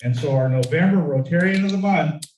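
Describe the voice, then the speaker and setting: A man's voice: on the high side, fairly quick, a little mellow. A man presiding over a club meeting, speaking informally and with some jokes. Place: meeting room. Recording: roomy, distant with faint noise.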